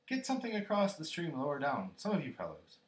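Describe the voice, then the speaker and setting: A man voicing a brisk, self-assured rabbit who talks emphatically in a storybook reading. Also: lowish voice, huge pitch swings, echoey room, low-quality recording. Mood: urgent.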